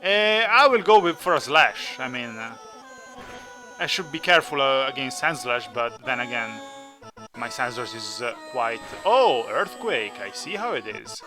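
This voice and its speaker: A man's voice: mid-range voice, expressive, unhurried, over music. A man hosting a gaming video with casual, playful commentary, teasing the characters as he plays. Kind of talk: casual Let's Play commentary.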